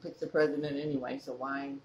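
A man's voice: medium pitch, flat delivery, fast talker, highs cut off. A man from California, a mukbang vlogger, talking casually to the camera while chewing and putting questions to his viewers. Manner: chatty, asks viewers questions. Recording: echoey room with faint ambient noise.

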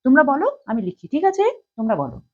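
A woman teaching a class the alphabet, reciting each letter slowly and checking in with the students as she goes. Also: sits high, wildly swooping pitch, slightly rough. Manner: slow, drawn-out recitation with check-ins to the class. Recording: dull lo-fi sound.

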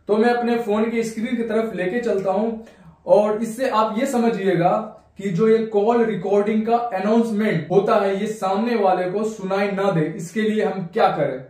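This young man, in his twenties and speaking with an Indian accent, has a high-pitched voice with a darkish tone. He explains phone steps the way a tutorial host would, saying things more than once for emphasis. The small bare room he's in gives the audio an echo.

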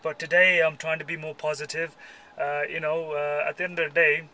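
Young British male vlogger, forward bright tone, pitched a bit high, informal and chatty with plenty of slang. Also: little pitch movement, a little fast, a little hiss or hum. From England. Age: young adult. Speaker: film actor, vlogger. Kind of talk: casual video diary. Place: dubbing studio rooms and inside a parked car. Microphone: handheld camera at arm's length.

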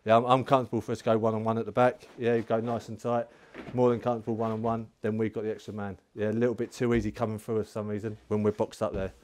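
A man's voice: on the low side, flat delivery, fast talker, a little mellow. A man, a football coach giving a direct, swearing, rallying team talk outdoors at a ground. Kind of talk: pre-match team talk.

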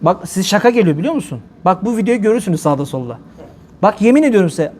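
A man preaching in a casual, humorous way, animated and often laughing as he addresses his listeners like friends. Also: sits high, fast, a little hiss or hum. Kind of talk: casual humorous sermon talk.

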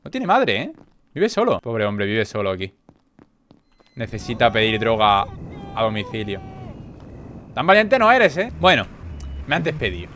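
A young man with a Spain Spanish accent doing joking gameplay commentary, animated, with sudden loud outbursts. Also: on the low side, moderate pace, long pauses, slight background noise. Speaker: gaming video creator.

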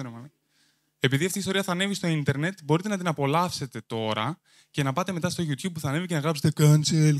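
A young man from Greece working a live crowd with crude, teasing banter, his voice sitting a touch high for a man. He holds a handheld mic on stage, and the sound is close and dry, with almost no room echo. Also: a bit bright. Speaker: stand-up comedian and host. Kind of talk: stand-up storytelling to a live audience. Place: comedy stage before a live audience. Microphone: handheld microphone.

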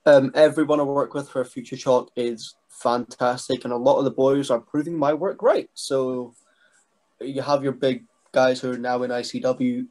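Brief: young guy, gravelly fry, hesitant, webcam mic in a small bedroom. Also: medium pitch. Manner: soft-spoken, hesitant with many restarts. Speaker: guest, wrestling writer and trainee. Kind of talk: casual interview over video call. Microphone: webcam mic on video call.

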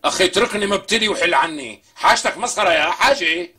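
A man's voice: high-pitched, fast, sharp tone, slightly rough, exaggerated voice. An actor with a Syrian accent playing a brusque, irritable man who snaps at an unwanted visitor in a TV comedy. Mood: dismissive. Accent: Syrian Arabic. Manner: snappy, exasperated, curses freely. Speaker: stubborn lodger. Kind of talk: TV comedy acting.

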